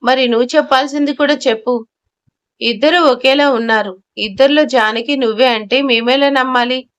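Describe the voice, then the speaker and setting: A woman's voice: high voice, steady tone, moderate pace, muffled recording, close to an everyday voice. A woman doing a pushy male lawyer. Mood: mocking. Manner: mocking, interrogating.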